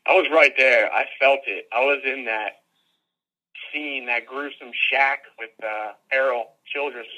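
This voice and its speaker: A man's voice: medium pitch, unhurried, muffled recording. A man co-hosting a casual podcast, enthusiastic and slangy, often tagging sentences with "man". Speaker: podcast co-host.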